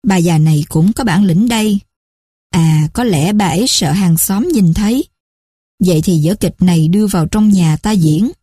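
A woman's voice: fairly low pitch, moderate pace, mellow, slightly rough, dry recording, studio quality. A woman voicing a middle-aged man who pretends to be poor, sly in his thoughts and whining when he pleads. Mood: scheming.

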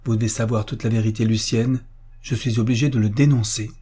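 A man's voice: medium pitch, fairly even intonation, fairly quick, dark tone, husky, natural voice. A man reading an audiobook, voicing a young officer who solemnly explains a painful duty. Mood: grim. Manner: tense, solemn. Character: young army officer, grim and torn.

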